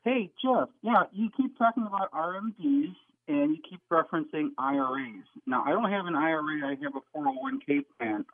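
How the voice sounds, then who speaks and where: A man's voice: a little high, lively intonation, fairly quick, dry recording. A man of about sixty calling in to a radio show over a phone line, asking direct, probing questions. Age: 60s. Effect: heard over a phone line. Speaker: radio call-in caller. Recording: tinny dry phone line.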